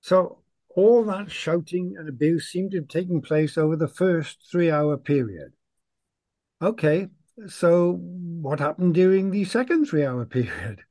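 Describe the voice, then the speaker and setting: Warm mellow guy steering a bible talk, sets up the readings, slightly higher voice. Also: lively intonation, measured pace. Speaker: Bible study co-host. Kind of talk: conversational Bible discussion.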